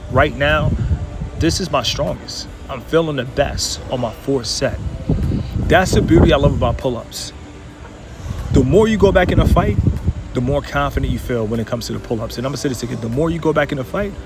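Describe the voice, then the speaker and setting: A man's voice: medium pitch, noisy background. A man talking through his workout in a vlog, motivational and emphatic, repeating his points. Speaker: fitness vlogger.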